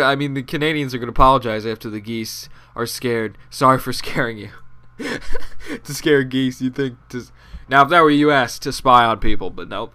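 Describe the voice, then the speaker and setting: A man's voice: medium pitch, pushed and bright, clean tone. A young man giving rambling, profane, sarcastic commentary over his gameplay, with a nasal voice. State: out of breath. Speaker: gaming commentator.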